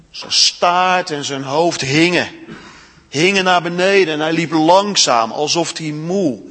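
A man reads a story aloud to children during a church service, slowing down for dramatic effect. His voice is husky and sits a little high, and it swoops widely in pitch. A long echo from the church hall trails after each phrase. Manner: expressive, slows for dramatic pauses.

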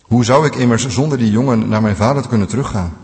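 Male reader voicing an earnest, imploring brother; even mid pitch, long hall reverb. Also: fast, close to an everyday voice. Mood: pleading. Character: pleading adult male brother before a ruler.

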